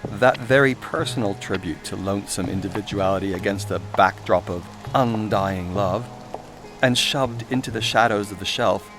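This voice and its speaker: Speaking at a normal speed with a lowish voice, the man reads his own irreverent self-help audiobook. He delivers it theatrically and cheekily, in a conversational manner with sweary asides. Composed background music and a soundscape sit under the narration.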